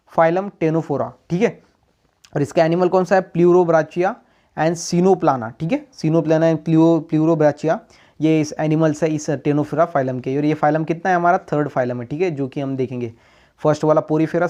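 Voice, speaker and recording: A man's voice: fairly high pitch, fairly even intonation, darkish tone. A man teaching biology in a lecture, asking questions and answering them himself, and switching between Hindi and English terms. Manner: reads English notes slowly, then explains quickly. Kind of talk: classroom lecture. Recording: dull lo-fi recording.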